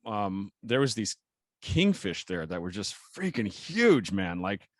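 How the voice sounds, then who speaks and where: An American man, a sailor guest on a podcast, telling stories in an animated, casual way with laughs and the odd swear word. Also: lowish voice, unhurried, no echo. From United States. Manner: animated storyteller, laughs often, relaxed swearing. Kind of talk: casual chat.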